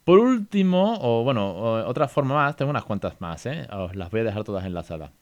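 A man with an accent from Spain talks through a relaxed podcast lesson in a somewhat low voice. He keeps things chatty and lively, checking in with his listeners through frequent little tag questions. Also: quick pace. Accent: Spain Spanish. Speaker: podcast host teaching English to parents.

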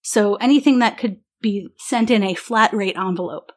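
A woman's voice: mid-range voice, normal speed. A woman hosting a podcast, talking through dates and facts in a casual, informative way. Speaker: podcast host.

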